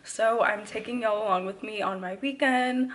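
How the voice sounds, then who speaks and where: A woman's voice: mid-range voice, moderate pace, a little hiss or hum. Young woman chatting to her vlog cam, bit of a lisp, lots of y'all and like. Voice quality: slight lisp from a retainer. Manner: chatty, says y'all and like often. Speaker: vlogger. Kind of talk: casual vlog chat.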